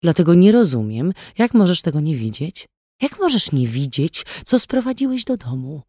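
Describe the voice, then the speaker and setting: A woman voicing a cruel, contemptuous adoptive mother in an audiobook, cold and quick to shriek. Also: no room sound, clean studio sound. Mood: scornful. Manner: cold, contemptuous, bursts into shrill shouting.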